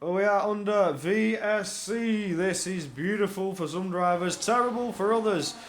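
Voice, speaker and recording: A man giving live play-by-play racing commentary in an excitable manner, repeating phrases for emphasis. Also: high voice, moderate pace. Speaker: esports motor racing commentator.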